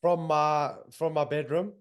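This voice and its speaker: A young man with a South African accent hosts a podcast from home in northern England, joining on a video call. His slightly high voice is clear and resonant, steady in tone and a little slow. He chats casually, loosely and enthusiastically, with lots of fillers.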